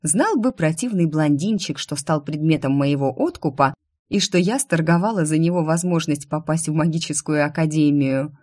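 A woman narrating a fantasy audiobook in the first person, lively and expressive. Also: sits low, moderate pace.

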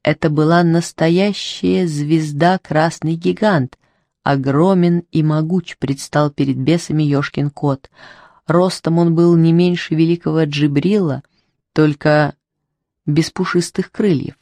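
A storybook narrator reads a fairy tale in an unhurried, wry voice, giving the characters light touches of their own. The voice sits at a middle pitch and is close to the mic in a dry room with no echo. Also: fairly even intonation, darkish tone. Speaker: audiobook narrator.

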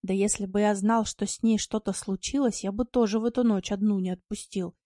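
A woman voicing a rough, quick-tempered yard tomcat who speaks gruffly and bluntly. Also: mid-range voice, steady tone, warm tone, no echo, clean studio sound, close to an everyday voice.

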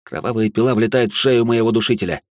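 A man narrating a story in the first person, tense and expressive, breaking into outbursts, close to the mic. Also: fairly low pitch, fast, dry recording.

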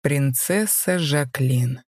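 A woman reading as a young male rebel lord who speaks low, cold and contemptuous. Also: fairly even intonation, normal speed, darkish tone, dry recording, studio quality. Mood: restrained fury.

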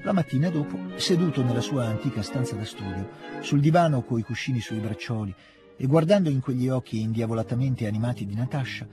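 A man narrating a classic novel in an audiobook, with a steady, expressive reading into a close studio mic. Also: medium pitch. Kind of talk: scripted literary narration.

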